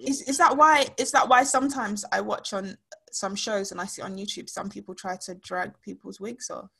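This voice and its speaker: Husky woman hosting a playful chat. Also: mid-range voice, steady tone, normal speed, fairly bright tone. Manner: chatty, playful, self-interrupting storytelling. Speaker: host. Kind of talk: casual chat.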